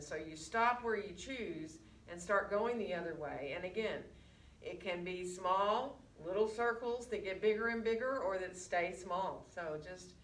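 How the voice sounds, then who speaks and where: A woman teaching a gentle yoga class, speaking through a face mask and giving guided breathing and movement instructions. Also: medium pitch. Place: indoor yoga studio. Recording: distant mic, echoey room, faint noise.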